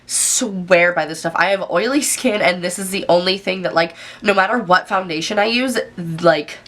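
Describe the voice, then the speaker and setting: A young woman in her twenties reviews makeup in a casual, enthusiastic chat, her low-ish voice stuffy and nasal from a cold yet fairly bright in tone. She talks at normal speed, bubbly and chatty, with lots of filler words, as a beauty vlogger.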